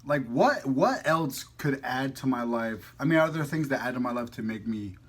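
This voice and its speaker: With a mid-range, slightly bright voice, a man talks expressively at a moderate pace. As a food vlogger doing a mukbang, he keeps the chat casual and playful, rambling a little between bites.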